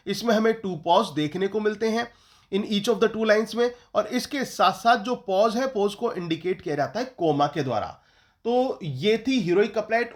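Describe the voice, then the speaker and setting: A male teacher with an Indian English accent gives an exam-prep lecture, slowly dictating English notes and then explaining them in Hindi with questions to the class. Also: high-pitched.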